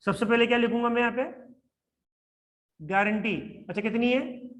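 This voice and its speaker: High-voiced man teaching accounting. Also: fairly bright tone. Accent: Indian English. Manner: asks students quick checking questions; repeats English phrases slowly while reading a question. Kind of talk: classroom lecture.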